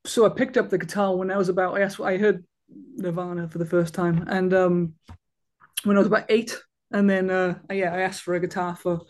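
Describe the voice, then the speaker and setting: A man's voice: sits high, flat delivery, brisk. A man in his thirties, chatting casually as a guest and rambling with fillers and restarts. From Wales. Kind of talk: casual conversation.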